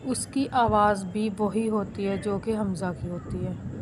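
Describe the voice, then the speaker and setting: A woman teaching Quran recitation step by step. She spells each word out slowly, one syllable at a time, and then explains it quickly. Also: medium pitch, steady tone, noisy background.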